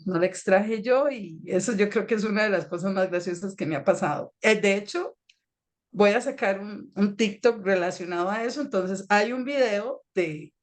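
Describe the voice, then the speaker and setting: A young adult woman audiologist telling a lively, self-mocking anecdote on a panel, acting out moments as she goes. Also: medium pitch.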